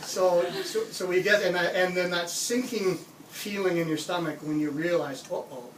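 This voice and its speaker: A middle-aged man from Canada casually telling a funny camping story, animated and laughing often. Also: high-pitched, moderate pace, a little hiss or hum. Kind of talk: casual spoken anecdote. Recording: roomy, distant mic with background ambience.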